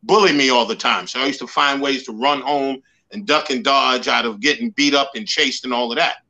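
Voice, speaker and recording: In an interview, a Bronx man in his sixties, a motivational speaker and life coach, tells his story earnestly and emphatically, repeating slogans. His mid-range voice is fairly quick with a sharp tone, and the recording quality is low.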